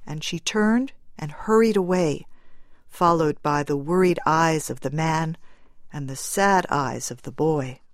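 A woman narrating a short story in a calm, measured way. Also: sits low, no room sound. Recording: dry close recording with soft music.

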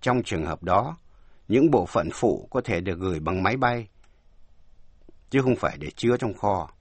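A man teaching English pronunciation in a language lesson, slowly spelling words out letter by letter. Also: fairly low pitch, expressive, no room sound.

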